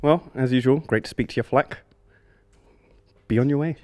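Man playing a deadpan TV sports reporter. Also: mid-range voice, moderate pace, no room sound, natural voice. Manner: deadpan mock interview questions. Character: male TV sports reporter, dry and mocking.

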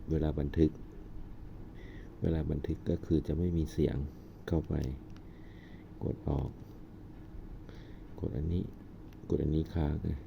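A man with an extremely low voice and a heavy gravelly rasp gives a casual hands-on gadget demo, pausing and restarting as he works the buttons. The recording is dull and lo-fi, with steady noise underneath. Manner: talks haltingly while pressing buttons. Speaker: gadget reviewer.

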